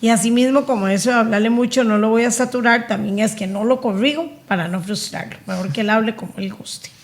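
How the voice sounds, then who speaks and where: A woman's voice: a little high, fast. A woman hosting a podcast in casual chat, often murmuring "ujú" and raising common myths for her guest. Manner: frequent "ujú" backchannel, raises common myths. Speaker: podcast host.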